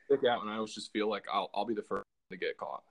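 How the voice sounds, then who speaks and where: A man's voice: fairly low pitch, quick pace, vocal fry, slight background noise. Rambling man hosting a podcast. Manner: rambling, full of "like" fillers and restarts. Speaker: podcast host. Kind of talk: casual podcast chat, telling a true story.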